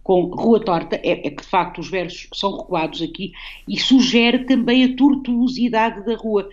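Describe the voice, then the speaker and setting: A woman's voice: medium pitch, normal speed, a little mellow, highs cut off. A woman with a European Portuguese accent, a guest poet in a radio conversation, explaining a poem reflectively and often ending phrases with a tag question. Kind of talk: radio conversation about poetry.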